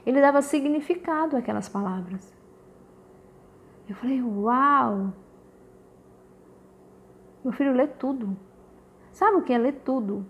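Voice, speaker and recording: A Brazilian woman, a mother, telling her listeners an animated story about her children and often calling them "gente". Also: high-pitched, normal speed, pauses often, dull audio. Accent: Brazilian Portuguese. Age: adult. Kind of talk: casual spoken testimony.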